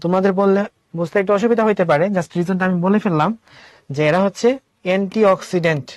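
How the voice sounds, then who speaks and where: A man's voice: sits high, quick pace, dry recording, studio quality. A male teacher giving an online class, explaining step by step, asking questions and answering them himself, with English words mixed into his speech. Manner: mixes English words into Bangla.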